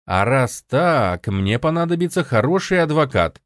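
Tired defiant broadcaster, slow deliberate speech, audiobook, dry, narrator's own voice. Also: male voice, mid-range voice, very animated, no echo. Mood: weary defiance.

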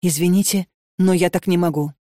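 A woman voicing an ashamed young woman who speaks in halting, pleading bursts. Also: fairly low pitch, steady tone, mellow, no echo, clean studio sound, close to an everyday voice.

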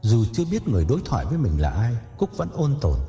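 A man narrating an audio story in a dramatic, expressive way. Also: medium pitch, fast talker. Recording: echoey reverb with faint music.

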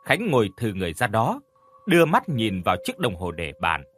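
A man narrating a scripted horror story in a dramatic, expressive way. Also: on the low side, fairly quick, a little hiss or hum. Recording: faint background music.

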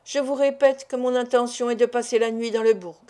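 A woman's voice: a little high, fairly even intonation, brisk, dark tone, natural voice. Determined young forester, curt and firm, read by a woman. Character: brisk, stubborn young male forester.

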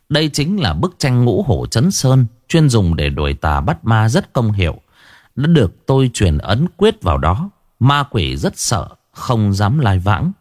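Male first-person ghost-story narrator; low, highly expressive pitch, dry close mic. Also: dry recording. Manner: dramatic, vivid storytelling.

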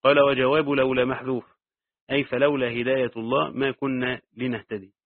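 A man with an Egyptian accent teaching Quran commentary. He reads the text aloud and then adds quick asides in colloquial dialect. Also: medium pitch, level tone, no room sound. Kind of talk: reading and explaining a tafsir text. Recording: dry, phone-like narrow sound.

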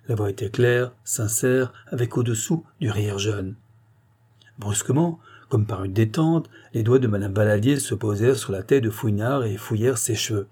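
A man narrating an audiobook of a classic novel in a measured, dramatic way. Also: on the low side, mellow, breathy edge.

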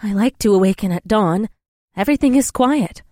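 An earnest young warrior princess, put on by a man reading a storybook, speaks in careful, formal phrases with no contractions. Her voice sits high above his own and comes out louder and fuller than the narration around her, dry and close. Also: lively intonation, normal speed, no echo. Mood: earnest, wondering.

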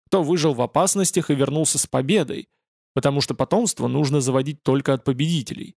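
A man narrating a science-fiction audiobook in an even, measured storytelling voice. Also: fairly high pitch, no echo, studio quality. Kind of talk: scripted narration.

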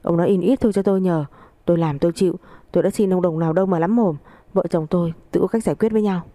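A woman's voice: on the low side, racing, warm tone, no echo, natural voice. A woman voicing a rude, hot-tempered younger man who snaps back insolently at his family. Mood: defiant angry.

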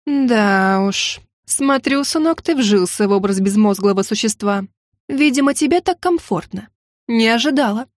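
A woman voicing a haughty, hysterical noble mother who scolds in a shrill voice. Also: animated, moderate pace, a little mellow, no room sound, clean studio sound. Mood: scornful.

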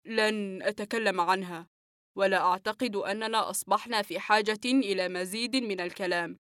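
A woman reading a calm, measured male psychiatrist. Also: medium pitch, no room sound, clean studio sound, natural voice. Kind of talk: audiobook reading of a novel.

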